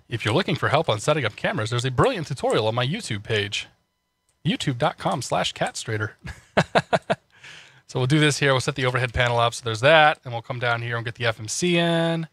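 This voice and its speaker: It's casual live-stream chat from a man flying a sim, medium-pitched with a fairly bright tone and no echo. A slight congestion colors his voice, and he often laughs and starts over mid-thought.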